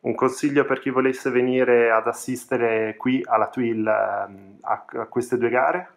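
A man, the off-camera interviewer, putting brisk, leading questions to a guest. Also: mid-range voice, fairly even intonation, gravelly.

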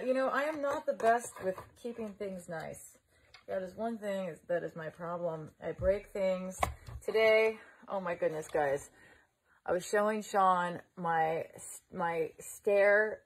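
A woman vlogging live at home, chatting casually and thinking out loud as she unboxes a gadget. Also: on the low side, slight background noise. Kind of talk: casual live-stream chat.

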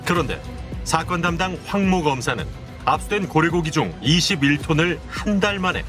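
Serious male narrator over music. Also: fairly high pitch. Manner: measured, serious. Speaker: documentary narrator. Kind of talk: scripted narration.

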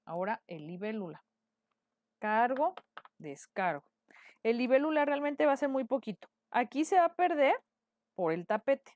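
A woman's voice: fairly high pitch, a little mellow, no echo, clean studio sound. A woman with a Mexican accent, a decorative painting teacher, chatting through a live painting tutorial and checking in with her viewers often. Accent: Mexican Spanish.

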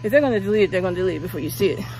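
Talking very fast with lively intonation, a middle-aged woman from Pennsylvania chats and rambles, fillers and all, during a casual night walk on a suburban street. Her darkish mid-range voice comes through an earbud mic, phone at arm's length, with faint hiss or hum.

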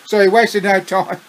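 A man's voice: high voice, low-quality recording. Australian man reading his own story. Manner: unhurried, with chuckling asides.

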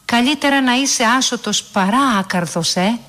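A woman reads as a clever eleven-year-old boy in a family story, speaking earnestly and a little higher than the narration. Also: a bit bright, long reverb tail, natural voice.

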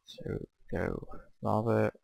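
A man's voice: on the low side, fairly even intonation, slow pace, creaky, darkish tone, no room sound. A man casually commenting as he plays and builds in a game, rambling and thinking aloud as he asks himself questions. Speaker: game player and channel host. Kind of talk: casual let's-play commentary.

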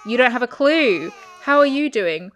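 Girl doing lets play commentary, kinda high voice, chatty and excitable, keeps talking to her sims. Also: moderate pace, a little hiss or hum. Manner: chatty, excitable, talks to game characters. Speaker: gaming YouTuber.

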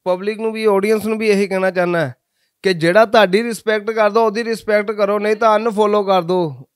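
A man's voice: high-pitched, fairly even intonation, brisk, dry recording, studio quality. A Punjabi-accented man, a singer, giving earnest advice in an interview, with sung passages between his answers.

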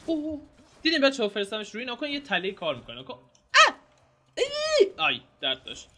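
A young man giving excitable, casual commentary while playing a video game, shouting and groaning at the action. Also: sits high, slight background noise. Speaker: gameplay streamer. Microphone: home mic with some noise.

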